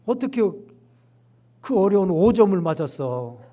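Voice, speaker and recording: Male pastor, middle-aged, sermon delivery; slightly raised pitch, lively, swings between hushed asides and emphatic peaks. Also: measured pace. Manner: animated, acts out quoted lines with rising emphasis.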